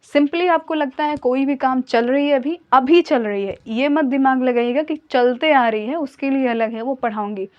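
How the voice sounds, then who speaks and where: A woman with a high voice teaches English grammar in Hindi. She explains each point patiently and slowly repeats her example sentences. The recording sounds a little dull and lo-fi.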